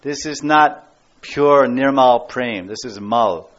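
A man's voice: mid-range voice, takes it slowly. A man giving a devotional class as a spiritual teacher, emphatic and given to repeating key words and phrases. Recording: dull lo-fi recording.

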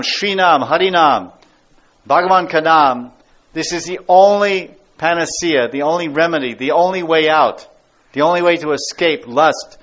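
A man's voice: fairly high pitch, a bit bright. Emphatic preaching man, lo-fi sound. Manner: emphatic, repeats key words and phrases. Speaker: spiritual teacher. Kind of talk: devotional class lecture. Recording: dull lo-fi recording.

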